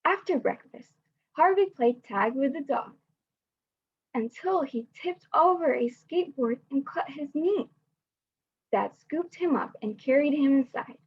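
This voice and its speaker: A young adult woman volunteers as a student, reading a picture book for children aloud over a video call. Her high-pitched voice is unhurried and lively in intonation, though she turns hesitant with fillers when she chats. The recording has dull, lo-fi video call sound.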